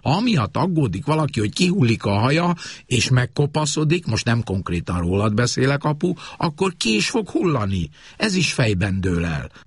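A man's voice: mid-range voice, big pitch swings, breathy edge, no echo, studio quality, pitched above the performer's own voice. A man voicing a preachy young adult daughter who lectures insistently. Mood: lecturing.

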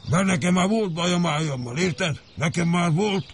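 A man's voice: sits high, slight background noise, close to an everyday voice. A man playing a gloomy, blunt factory worker who talks coarsely about dead friends and his own health.

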